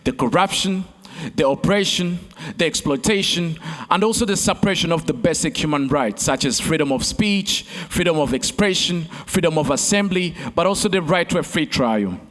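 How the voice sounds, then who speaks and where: A man's voice: on the high side, animated, moderate pace, fairly bright tone. A man from Uganda, giving a rhetorical keynote speech on a conference stage, with repeated phrases and direct appeals to the crowd. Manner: repetitive oratory, addresses crowd as friends. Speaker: keynote speaker and competition host. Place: large conference hall stage. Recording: long reverb of a large hall.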